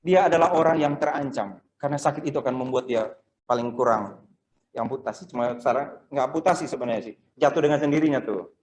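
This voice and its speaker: A man's voice: mid-range voice, fast, a little mellow, slight background noise, rough recording. A male pastor giving a Sunday sermon in church, conversational, tossing rhetorical questions to the congregation. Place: church service.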